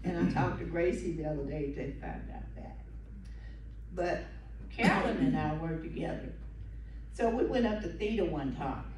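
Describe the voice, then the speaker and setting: An elderly woman with a Southern American accent, short of breath, reminiscing in a folksy, unhurried way as she tells stories to an audience. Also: on the low side, a little mellow, recorded from a distance. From southern United States. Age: 70s or older. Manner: folksy, unhurried, with pauses and acted-out quotes. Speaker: guest speaker at a local history talk. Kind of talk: informal reminiscing storytelling to an audience. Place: meeting room with seated audience, phone camera from the audience. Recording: echoey, noisy room recorded from afar.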